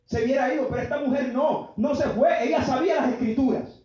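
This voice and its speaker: A man preaching a fervent sermon, building to shouts, with his congregation called to answer. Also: very high voice, quick pace. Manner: fervent call-and-response preaching, often shouting. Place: church sanctuary. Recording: very echoey, muffled church PA sound.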